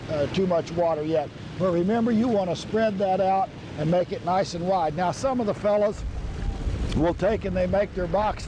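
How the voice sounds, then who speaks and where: Folksy high-voiced man teaching outdoors. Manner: folksy, down-to-earth, with frequent fillers and restarts. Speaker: gold prospecting show host. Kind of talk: outdoor how-to demonstration. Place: outdoors on a windy beach. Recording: noisy outdoor video with wind.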